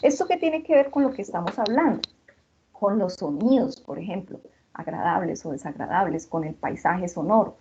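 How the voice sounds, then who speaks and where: A woman's voice: on the low side, animated, normal speed, warm tone, breathy edge, highs cut off. A woman from Colombia with a Santander accent, a university lecturer giving an online class and explaining with rhetorical questions. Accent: Santander Colombian Spanish.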